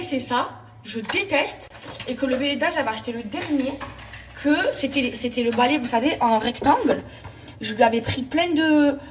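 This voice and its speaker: Amid household cleaning clatter caught on a distant mic, a high-pitched woman vlogs casually about her day. Doing chores, she talks to her followers, whom she calls girls, in an emphatic, slangy, chatty manner, over a noisy background.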